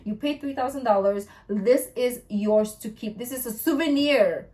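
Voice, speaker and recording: Young female reaction host, higher voice, casual and incredulous. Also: moderate pace. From Philippines. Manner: chatty and animated, incredulous outbursts.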